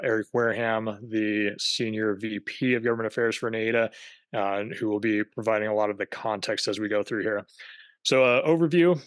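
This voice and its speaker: A man presenting on a video-call webinar as a government affairs director, speaking haltingly with many fillers and restarts. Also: fairly low pitch, clear, resonant tone, no room sound.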